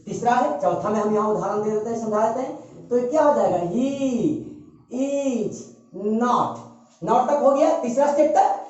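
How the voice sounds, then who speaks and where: A male teacher with an extremely high, darkish voice speaks fairly quickly in a grammar lesson, explaining emphatically and repeating key points, often adding "है ना" tags. The recording is from an echoey room with a distant, dull mic.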